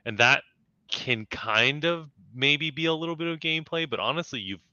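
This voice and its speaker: A man's voice: a little high, normal speed, sharp tone, clear, resonant tone, dry recording. A man talking as a podcast guest in casual chat, reflective and working through his thoughts with restarts. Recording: slightly dull lo-fi sound, dry.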